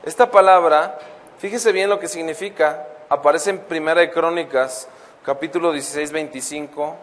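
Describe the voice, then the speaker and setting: A man teaching a Bible lesson as a preacher. He reads verses slowly and keeps asking the congregation questions. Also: fairly high pitch. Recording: long hall reverb.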